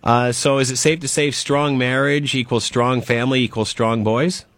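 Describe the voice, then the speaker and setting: Guy in his 40s hosting radio, middle pitch, dry close sound, kinda fumbles for words. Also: fairly even intonation, moderate pace, fairly bright tone, no room sound. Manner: conversational, searching for words. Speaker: radio host. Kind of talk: radio interview.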